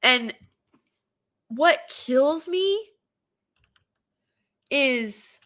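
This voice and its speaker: Speaking extremely slowly, this show host delivers her own commentary through a stuffy, cold-afflicted voice. The tone is bright and cutting and sits slightly high, and she's animated and full of opinions, breaking into mocking impressions along the way.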